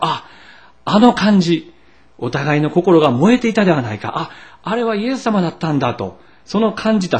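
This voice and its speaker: A middle-aged Japanese man preaching a sermon as pastor, telling stories with asides and asking the congregation questions. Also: on the high side. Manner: animated storytelling with asides and rhetorical questions.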